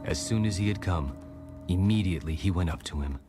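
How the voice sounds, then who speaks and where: With a low voice and solemn gravity, a man narrates scripture in a measured, scripted way, like an audio Bible. Music plays clearly behind him.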